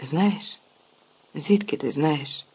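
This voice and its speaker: Reader doing an earnest worried father, husky. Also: extremely slow, exaggerated voice. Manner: earnest, low and hushed.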